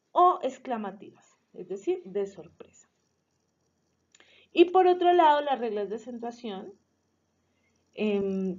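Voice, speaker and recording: A woman explaining punctuation and accent rules in a measured way, with some hesitations and fillers. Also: medium pitch, dark tone. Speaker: student presenting a review video. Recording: dull lo-fi sound.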